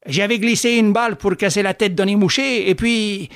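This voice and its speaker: Guy doing a cocky young farm boy, higher voice, eager. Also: steady tone, moderate pace, dry recording, clean studio sound. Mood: boastful. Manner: brash, eager exclamations. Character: boastful young farmer's son, eager and brash. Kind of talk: audiobook character voice.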